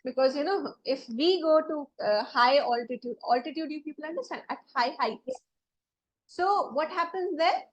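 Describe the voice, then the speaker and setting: A biology teacher, a woman with a high voice, gives a classroom lecture, explaining step by step and often checking that students are following. The recording is rough.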